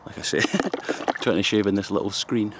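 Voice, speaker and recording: A man's voice: on the low side, normal speed, a bit bright, slight background noise. A Scottish man in his fifties chatting casually to a camera held close while shaving outdoors in a forest, joking and laughing often. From Scotland. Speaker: shaving vlogger. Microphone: camera close up at arm's length.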